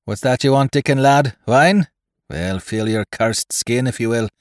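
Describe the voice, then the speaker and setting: A man voicing a gruff, jovial pirate gunner who talks in a boisterous, swaggering way. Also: medium pitch, a little slow, no echo, studio quality, natural voice. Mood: gloating.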